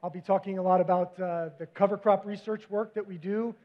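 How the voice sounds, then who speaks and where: A man, a visiting researcher, giving a conference presentation with slides, talking quickly with frequent fillers. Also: high-pitched, steady tone. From United States. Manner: self-described fast talker, frequent fillers. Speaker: visiting cover crop researcher. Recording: dull lo-fi recording.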